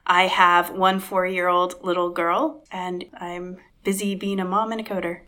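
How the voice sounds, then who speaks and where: A woman co-hosting a casual podcast, speaking in a relaxed way with many fillers. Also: fairly low pitch, measured pace. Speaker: podcast co-host.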